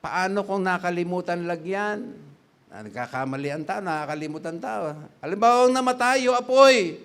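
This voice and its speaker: A middle-aged pastor from the Philippines preaching a sermon in a chatty way, laughing often, quizzing the congregation and slipping into English. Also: male voice, sits high, animated, moderate pace, fairly bright tone, smooth.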